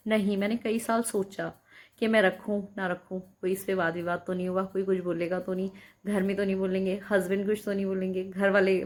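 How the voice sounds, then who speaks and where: A woman in her thirties talks to her viewers in a casual, rambling vlog, restarting sentences and filling pauses as she goes. Her voice sits at an ordinary pitch, and when she turns to advice she speaks earnestly and directly. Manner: chatty, rambling, with many fillers and restarts. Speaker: vlogger. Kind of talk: casual personal storytelling.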